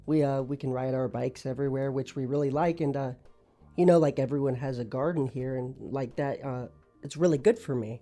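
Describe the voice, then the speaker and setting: A woman playing an awkward, laid-back horseman of famine who rambles haltingly in a comedic audio interview. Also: extremely low pitch, mellow, soft background music. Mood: awkward, upbeat. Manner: halting, rambling, casual filler-heavy speech.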